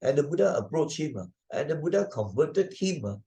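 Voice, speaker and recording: In an online video presentation, an older man with a Malaysian accent teaches a moral lesson conversationally, stressing key points through repetition and frequent tag questions. His voice is a little high, sing-song and dark in tone, and he speaks briskly.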